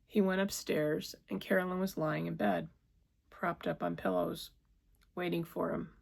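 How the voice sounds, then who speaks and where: Tarot reader recapping a memoir, unhurried and hesitant, gravelly tone. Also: female voice, lowish voice, little pitch movement. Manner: hesitant, with fillers and restarts. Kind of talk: casual storytelling from a book.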